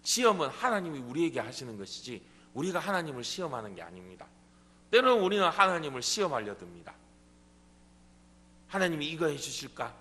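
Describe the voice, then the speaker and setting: Man, pastor, Gyeongsang dialect, sermon, rhetorical questions, lively higher voice. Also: a little fast. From South Korea, Gumi area. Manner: animated, full of rhetorical questions. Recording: long church hall reverb.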